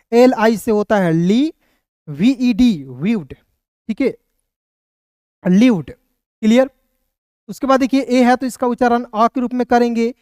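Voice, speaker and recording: A man with a clear, smooth, very high-pitched and slightly mellow voice teaches English pronunciation one step at a time in an online phonics lesson. He patiently repeats each question and then answers it himself. The recording is close and dry, with no room sound at all.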